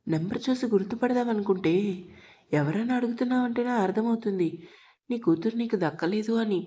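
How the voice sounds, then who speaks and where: A woman's voice: fairly high pitch, fairly quick, mellow, breathy edge. A woman voicing a scheming male rival who taunts a father over the phone. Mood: taunting. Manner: taunting, smug.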